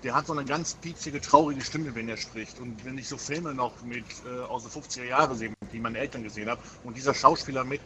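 A man's voice: medium pitch, fast talker, few pauses, background noise. A man in his forties telling personal stories in a rambling, emotional way, with many hesitations and restarts. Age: 40s. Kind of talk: casual chat.

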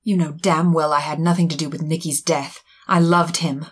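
A lowish, husky voice, a woman playing a glamorous femme fatale in a noir radio play. She talks in a cool, measured way. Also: steady tone. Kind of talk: noir radio drama acting.

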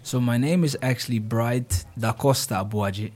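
Young man from the Netherlands, interview guest; easygoing, halting delivery. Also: medium pitch. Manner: relaxed, hesitant with many restarts. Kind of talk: casual interview.

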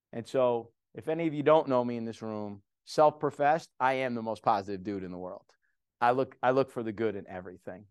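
A middle-aged man giving a personal testimony to a men's group, earnest and conversational, repeating himself for emphasis. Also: mid-range voice.

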